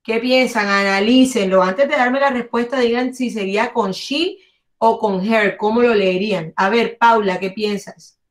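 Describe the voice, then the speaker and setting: A woman's voice: fairly high pitch, unhurried. A woman teaching an online English class, cheering students on and exaggerating English sounds for them to copy.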